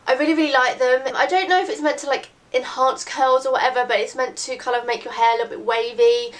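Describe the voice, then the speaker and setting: A fast-talking teenage girl in her late teens, her voice high and steady, chats casually to the camera from her bedroom. She's a beauty vlogger, congested from a cold, rambling along with plenty of "like" and "really, really." The camera sits in front of her at desk distance.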